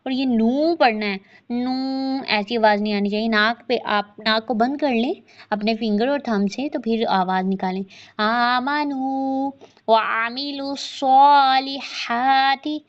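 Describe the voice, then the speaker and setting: Woman teaching Quran recitation, slightly high voice. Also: dull audio. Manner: slow drawn-out recitation between brisk explanations. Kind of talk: tajweed lesson with slow chanted recitation.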